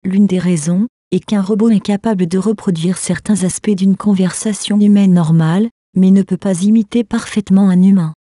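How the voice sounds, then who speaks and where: A woman's voice: medium pitch, no echo, studio quality, lightly acted. A woman voicing a polite robot assistant with a slightly robotic voice. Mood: informative. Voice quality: slightly robotic, even synthetic-sounding voice. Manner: polite, informative, measured explaining. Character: calm female AI voice assistant robot.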